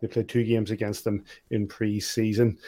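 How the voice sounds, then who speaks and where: A man's voice: on the low side, level tone, normal speed, dark tone. A man hosting a sports podcast in a jovial, bantering way. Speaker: podcast host. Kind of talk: casual sports chat.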